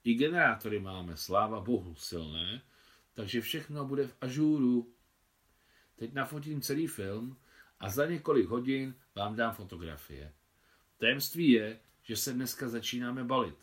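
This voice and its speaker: A man reading the part of a fatherly older army officer who is a keen photographer, in a hearty, brisk manner. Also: medium pitch, lively intonation, fairly bright tone, close to an everyday voice. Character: older male officer, kindly veteran photographer.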